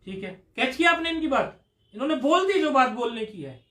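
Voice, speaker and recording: High-voiced man teaching grammar. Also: big pitch swings, sharp tone. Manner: drawn-out chanting of sutras, coaxing questions to students. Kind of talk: classroom lecture explaining a grammar rule. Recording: echoey room.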